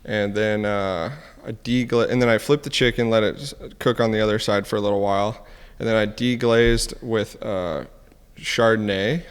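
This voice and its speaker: Laid-back man with a low voice. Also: normal speed, few pauses, clean tone, in a large hall. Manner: laughs often, relaxed and joking. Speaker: podcast co-host. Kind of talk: casual chat.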